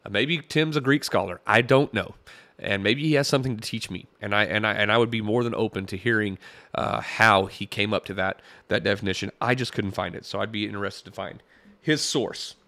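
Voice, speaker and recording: Speaking a little fast in a bright, forceful voice on the low side, a podcast host picks apart a sermon clip he has just played. He reads Bible passages aloud, chuckles wryly, and keeps a conversational feel, all on a dry recording.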